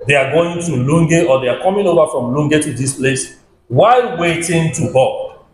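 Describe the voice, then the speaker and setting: A man's voice: a little high, animated, normal speed, slight background noise. Upbeat man interviewing in an echoey room. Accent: West African English. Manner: upbeat, repeats answers back to guests. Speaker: travel vlogger interviewing staff. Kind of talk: on-location interview vlog. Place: indoor restaurant and office.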